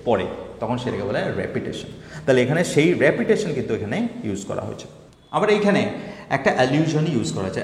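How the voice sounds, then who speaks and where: A man's voice: medium pitch, a little hiss or hum. A man explaining poetic devices to students step by step, calling them guys. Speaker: English literature teacher. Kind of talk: online poetry lesson. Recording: echoey room with long reverb.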